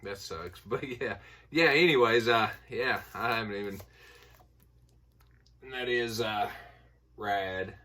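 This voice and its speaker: A man's voice: on the low side, takes it slowly, long pauses, sharp tone. A middle-aged man with an Appalachian hillbilly accent, rambling casually and folksily through a haul vlog. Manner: folksy, informal. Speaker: movie collector showing a haul. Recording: voice distant from the mic.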